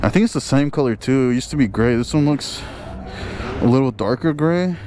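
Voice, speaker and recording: A man's voice: medium pitch, lively intonation, brisk. A young man giving casual, slangy vlog commentary outdoors, talking to his viewers and swearing freely. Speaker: motovlogger. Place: outdoors on a motorcycle at a car meet. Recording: loud vehicle and outdoor noise. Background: engines and traffic noise.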